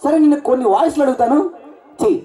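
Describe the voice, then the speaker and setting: A man's voice: extremely high pitch, steady tone, warm tone. A man performing a stage comedy skit as a bossy, mocking show star. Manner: bossy, mocking, rapid banter. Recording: roomy stage sound from a distance.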